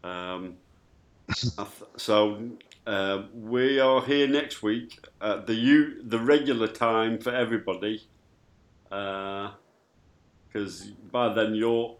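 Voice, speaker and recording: A man hosting a casual live radio show, speaking haltingly and often trailing off mid-phrase. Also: on the low side.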